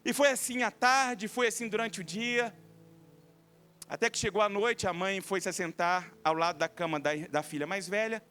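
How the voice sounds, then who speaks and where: Brief: male pastor, 30s, Brazilian accent, animated sermon storytelling, high ringing voice. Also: moderate pace, slight background noise. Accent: Brazilian Portuguese.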